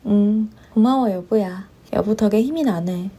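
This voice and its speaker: A woman voicing a gentle, supportive young husband who speaks softly and reassuringly in a narrated story. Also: a little slow, natural voice. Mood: grateful. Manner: soft, reassuring, low-voiced. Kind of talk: story narration with voiced roles.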